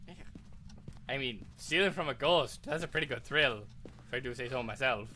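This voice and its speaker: A streamer chatting casually and excitedly while playing a game with a friend. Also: mid-range voice, moderate pace, faint music behind. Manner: excitable, animated, joking. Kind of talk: casual gameplay chat.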